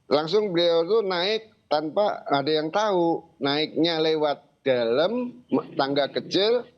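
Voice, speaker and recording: An older man giving an account in an interview, speaking informally and haltingly with repeated phrases. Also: on the high side, animated. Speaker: interviewee, grandfather of a missing child. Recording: dull lo-fi sound.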